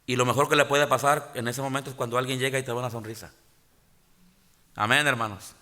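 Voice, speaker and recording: A pastor, preaching a sermon in church, often pausing to restart and calling out "hermanos". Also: male voice, medium pitch, steady tone, sharp tone. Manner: halting restarts and filler sounds. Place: church sanctuary.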